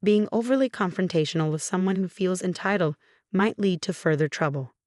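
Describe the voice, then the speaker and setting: A woman reading online forum posts aloud as scripted narration, in an even, measured delivery with no fillers. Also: fairly low pitch, no room sound, studio quality. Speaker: story narrator.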